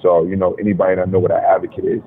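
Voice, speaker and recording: A man's voice: low voice, completely flat delivery, rapid-fire. A man from Brooklyn, a rapper calling in over the phone for a radio interview, talking in a laid-back, confident way with many fillers. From Brooklyn, New York. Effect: heard over the phone. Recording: tinny phone line, faint noise.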